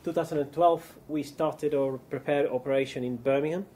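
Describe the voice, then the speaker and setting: Delivering a business keynote, a man from Chile speaks in a Chilean accent, his voice on the high side, mellow and breathy-edged. He's brisk, with fairly even intonation, but hesitant, frequently saying um and starting over.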